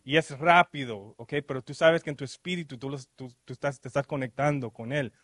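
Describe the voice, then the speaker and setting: A man's voice: medium pitch, a bit bright, no room sound, studio quality. A male minister preaching a sermon, who keeps checking in with the congregation and slips English fillers into his speech. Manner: peppers speech with quick "ok?" checks and questions to the congregation; mixes English fillers into Spanish. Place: church service.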